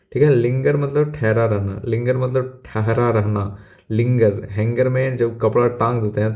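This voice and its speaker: A man's voice: medium pitch, creaky, mellow. A man tutoring exam vocabulary in a casual, chatty way, spelling out words letter by letter and repeating their meanings. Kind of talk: casual explaining lesson.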